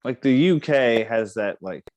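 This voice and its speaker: A young man talking casually on a podcast in a middle-pitched voice. He riffs loosely and swears freely, sliding into jokes. The sound is dry and close, with no room around it. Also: animated, unhurried, darkish tone, dry recording. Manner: loose, profane, riffing with put-on voices and bursts of laughter. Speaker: podcast host.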